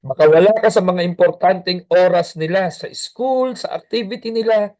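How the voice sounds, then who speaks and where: A man's voice: high-pitched, normal speed, darkish tone. A man giving an emphatic, preachy motivational business talk, calling the listener brother.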